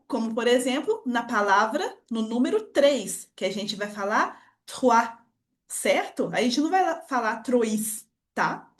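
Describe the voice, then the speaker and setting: Cheery woman teacher, kinda high voice, walking you through french on her screen. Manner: upbeat, encouraging, addresses viewer directly. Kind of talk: online language lesson. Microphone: computer screen recording voice-over.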